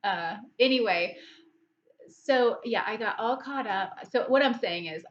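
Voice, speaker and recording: A woman's voice: fairly high pitch, unhurried. A woman in her forties chatting casually to camera as a book vlogger, rambling along with frequent restarts and fillers. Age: 40s. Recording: slightly dull lo-fi audio.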